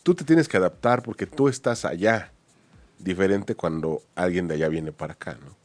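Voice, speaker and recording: A man's voice: low voice, moderate pace, a little mellow. A man co-hosting a casual chat, thoughtful with some hesitant restarts. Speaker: co-host.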